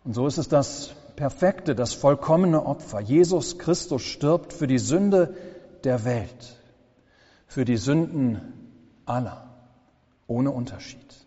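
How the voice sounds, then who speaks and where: A man preaching a sermon as pastor, slow and solemn with dramatic pauses, in a church. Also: medium pitch, animated, dark tone, husky. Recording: long church reverb, dull lo-fi sound.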